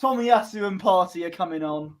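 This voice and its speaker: A man with a high-pitched voice co-hosts a live football watchalong. He reacts as a fan, calling out the play and urging the players on. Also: a little fast. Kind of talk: live match commentary chat.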